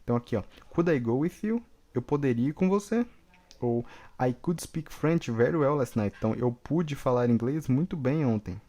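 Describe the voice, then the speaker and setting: A man from Brazil teaching an English lesson, patiently repeating each example slowly and checking in with the class. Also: medium pitch, expressive, warm tone.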